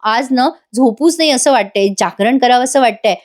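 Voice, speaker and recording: A woman's voice: on the high side, brisk, a little mellow, close to an everyday voice. A woman voicing a young husband who teases his wife playfully, in a coaxing manner.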